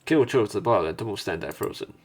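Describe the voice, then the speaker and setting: Playing a visual novel, this let's player reads its text out loud while weaving in offhand remarks of his own. His voice is fairly low, and he speaks quickly and expressively.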